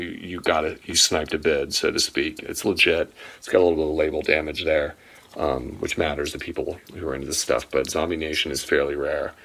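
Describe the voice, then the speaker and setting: A man in his forties giving a rambling late-night tour of his game and art room in a low, sleepy voice, with many ums and uhs. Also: gravelly, a bit bright, a little hiss or hum. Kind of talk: rambling home tour narration.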